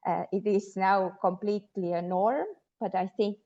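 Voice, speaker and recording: A woman's voice: mid-range voice, fairly even intonation, moderate pace, warm tone. Woman, dull lo-fi sound. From Estonia. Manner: thoughtful, with frequent hesitations. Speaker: guest sociologist. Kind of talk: interview conversation.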